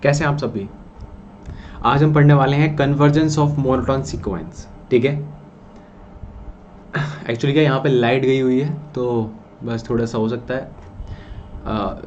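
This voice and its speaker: A man with an Indian accent giving an online maths lecture, explaining slowly and checking in with his students over and over. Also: mid-range voice, steady tone, a little mellow. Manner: slow, repetitive explaining, checks in with "theek hai?". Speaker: maths teacher. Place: room with lights out. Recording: dull lo-fi sound with faint hiss.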